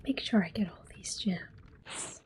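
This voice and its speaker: This ASMR gameplay host is a woman whispering softly at a slow pace, her tone gently nostalgic as she gives whispered game commentary. She's close to a sensitive mic, with faint game music in the background.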